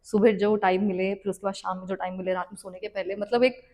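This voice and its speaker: A young woman guest on a podcast, telling her story in a reflective, unhurried way and mixing English words into her speech. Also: medium pitch, level tone, darkish tone. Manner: mixes English words into Hindi talk. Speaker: podcast guest, devotional content creator. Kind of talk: casual interview chat.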